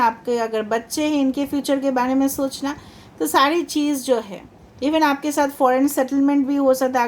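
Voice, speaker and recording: A woman's voice: high-pitched, a little hiss or hum. A woman giving a tarot reading, chatty and reassuring, often mixing English into her talk. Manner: chatty, reassuring, mixes English into Hindi, repeats "theek hai". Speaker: tarot reader.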